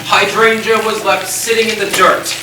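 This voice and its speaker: A narrator telling a play in a dramatic storytelling manner, quick to indignation. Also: mid-range voice, little pitch movement, natural voice. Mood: narrating. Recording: very echoey room from far off with noise.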